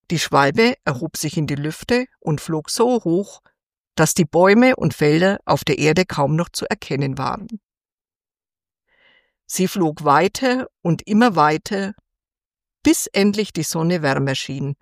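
A woman reading a fairy tale aloud for children in a gentle, expressive storytelling manner. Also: deep voice, creaky, dry recording, studio quality.

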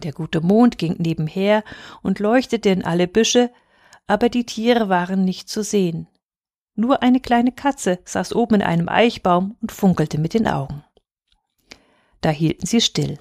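A woman reading a fairy tale aloud in a calm, expressive way, sometimes dropping to a hush. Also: medium pitch, a little slow, no echo, clean studio sound. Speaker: storyteller.

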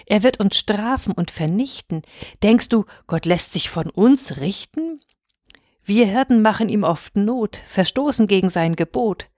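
A woman gives voice to an old, poor shepherd from a Christmas storybook verse. He is god-fearing and stern, admonishing in rhyme at a middle pitch. The recording is dry and close. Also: expressive, a little slow, a little mellow, no echo.

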